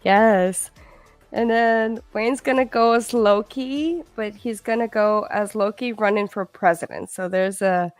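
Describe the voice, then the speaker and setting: A woman hosting a casual live stream chat on a video call, chatty and excitable. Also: medium pitch, a little slow, dry recording, faint music behind. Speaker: stream host.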